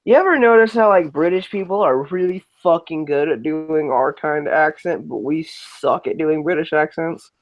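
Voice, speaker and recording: Higher-voiced blunt man, lo-fi mic. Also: normal speed, hardly any pauses, no echo. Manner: blunt, swearing, loose slang. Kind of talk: casual podcast chat. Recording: dull lo-fi dry mic.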